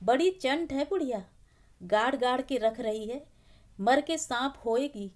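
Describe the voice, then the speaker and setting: A woman's voice: sits high, animated, a little slow. A woman voicing a shrewd, sly middle-aged mother who persuades and grumbles, in a storybook reading.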